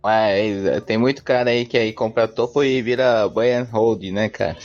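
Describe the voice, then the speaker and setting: A man's voice: fairly low pitch, moderate pace. Laid-back Brazilian man, dull lo-fi sound. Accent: Brazilian Portuguese. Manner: relaxed, peppers speech with "cara" and "né". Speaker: podcast co-host. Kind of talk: casual chat. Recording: dull lo-fi sound with faint music.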